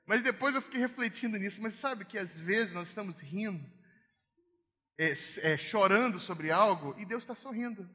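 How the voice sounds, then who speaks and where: Bright-voiced man preaching in a hall. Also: high voice, normal speed. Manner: animated storytelling, acts out voices. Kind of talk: conversational sermon.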